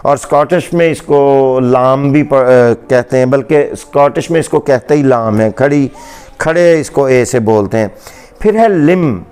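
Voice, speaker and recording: Man patiently teaching, clear resonant voice. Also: medium pitch, darkish tone. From Pakistani Punjab. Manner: slow, deliberate repeating of each word. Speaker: English teacher. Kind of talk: pronunciation lesson in Hindi-Urdu.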